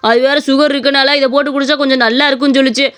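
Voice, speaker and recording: A woman's voice: high voice, little pitch movement, racing, fairly bright tone. Woman voicing an easygoing cartoon husband. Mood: casual. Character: easygoing young village husband.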